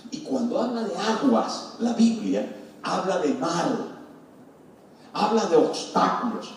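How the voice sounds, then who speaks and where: A pastor with a strikingly high voice preaches to his congregation, calling out to them and acting out frightened shrieks. His voice rings through a heavily reverberant hall. The mic sits some distance away, with a faint hum of noise behind. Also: big pitch swings, takes it slowly. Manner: preaching with call-outs to the congregation. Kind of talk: sermon.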